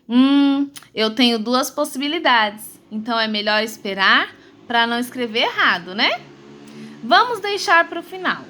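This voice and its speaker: Brazilian lady teacher talking to little kids, slow and singsongy, bright voice. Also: on the high side, expressive, slight background noise. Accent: Brazilian Portuguese. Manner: affectionate, slow and sing-song, spelling out syllables. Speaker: primary school teacher. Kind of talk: remote lesson for young children.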